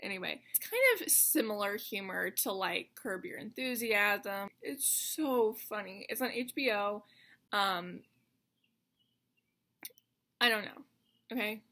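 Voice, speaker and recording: Wearing retainers that slightly slur her speech, this twenty-something American vlogger chats in a rambling, self-deprecating style from a carpeted bedroom. She speaks slowly with long pauses, in a mid-range voice that sounds pushed and bright.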